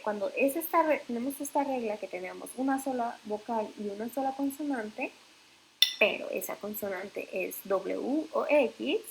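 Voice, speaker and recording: Slow, gravelly-voiced woman teaching English. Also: on the high side, fairly bright tone, slight background noise, poor audio. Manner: slow, patient, with frequent fillers and self-corrections. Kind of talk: explaining grammar in Spanish.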